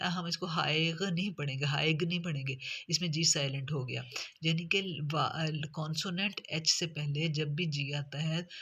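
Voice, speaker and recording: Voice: mid-range voice, pushed and bright, husky. A teacher giving a spoken lesson on English letter sounds in with speech, hesitant and full of fillers as words are spelled out letter by letter.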